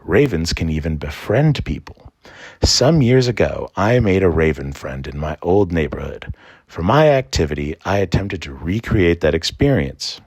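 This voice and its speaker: A man narrating a scripted trickster folktale and explaining it in an expressive storytelling manner. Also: deep voice, moderate pace, slightly rough. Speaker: storyteller and presenter.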